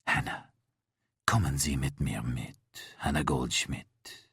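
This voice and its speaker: A man voicing a sinister male serial killer in a low, hushed, menacing murmur. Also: slow pace, husky, dry recording, clean studio sound, heavily acted. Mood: coaxing.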